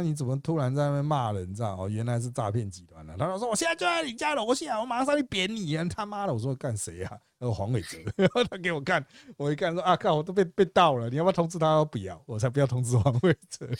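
A male podcast host with a Taiwanese Mandarin accent chats through funny stories, laughing often and swearing casually. His pitch leaps up and down all the time. The sound is dry and close. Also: darkish tone, no echo. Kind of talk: casual storytelling chat.

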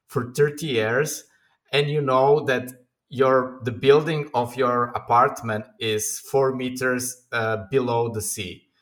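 A man's voice: mid-range voice, fairly even intonation, slow, a bit bright. A man talking as a guest on a podcast from his own apartment over a video call, hesitant with many restarts and fillers. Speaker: guest, company founder. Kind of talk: casual interview chat.

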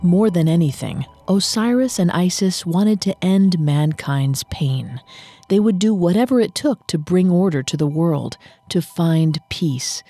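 A woman hosting and narrating from a script in a measured storytelling delivery. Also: lowish voice, expressive, dark tone, soft background music. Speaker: host and narrator.

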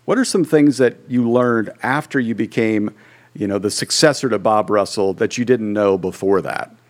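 Low-voiced man hosting a relaxed interview. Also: moderate pace. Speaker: podcast host and pastor. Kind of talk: podcast interview.

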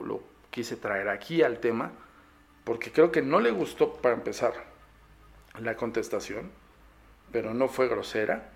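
A man's voice: medium pitch, creaky. A man with a Mexican accent, hosting a paranormal podcast and bluntly lecturing his listeners in a casual monologue. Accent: Mexican Spanish.

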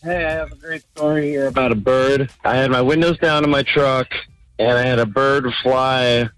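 A man's voice: medium pitch, steady tone, normal speed, fairly bright tone, faint music behind, low-quality recording. Man's casual voicemail over a landline. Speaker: caller leaving a voicemail.

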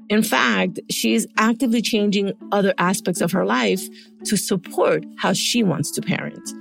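Woman podcast host doing an intro under a blanket, muffled, lots of vocal fry, bit of music. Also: medium pitch. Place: under a blanket in a hotel room.

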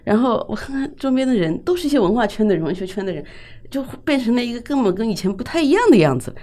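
A woman's voice: fairly high pitch, very animated, fast talker, mellow. A woman, a writer and translator, chatting as a podcast guest in a casual, opinionated book discussion.

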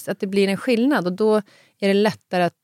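A woman hosting a conversation, telling personal stories in a lively, chatty way. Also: medium pitch, dry recording, studio quality. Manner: lively storyteller, animated when quoting others. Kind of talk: casual conversation.

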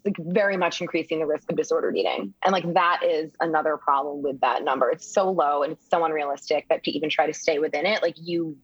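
A woman's voice: deep voice, fast talker, hardly any pauses, slightly rough, dry recording. A woman co-hosting a podcast in casual conversation, earnest and rambling with lots of fillers. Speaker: podcast co-host. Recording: dry, dull lo-fi sound.

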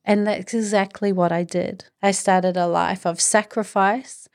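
Gravelly, measured New Zealand woman podcaster. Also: medium pitch, fairly even intonation, a little mellow. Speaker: podcast host. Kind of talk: personal storytelling podcast monologue.

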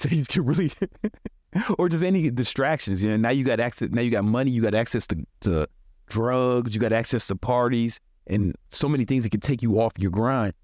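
In a clean studio recording free of room sound, an American podcast host in his forties speaks at normal speed in a mid-range, darkish voice. He gives casual motivational talk, colloquial and profane, and chuckles often.

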